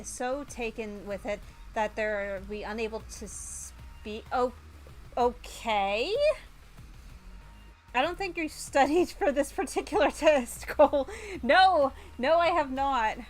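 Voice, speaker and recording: Slow and on the high side, with faint music behind her, a woman streams a game live as a VTuber. She mutters the on-screen text aloud, then lets out loud, exasperated exclamations.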